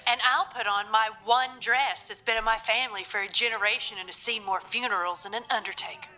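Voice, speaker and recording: A woman's voice: fairly high pitch, steady tone, fairly quick, sharp tone, low-quality recording. An actress playing a devout wife who speaks earnestly of what the Lord tells her. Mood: prophetic. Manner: earnest, prophetic phrasing. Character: pious, mystic wife who hears the Lord. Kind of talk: audio drama acting.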